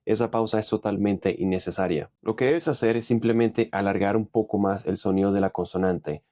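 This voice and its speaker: A man teaching English pronunciation, explaining clearly and methodically and modelling example words. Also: on the low side, fairly quick, warm tone, dry recording, clean studio sound. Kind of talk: explanatory language lesson.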